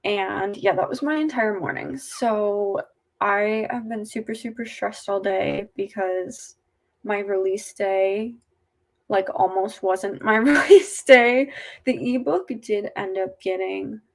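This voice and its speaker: A woman with a mid-range voice chats casually and slowly as a livestream host, rambling as she goes. Her speech is slightly off because she's just had her wisdom teeth out.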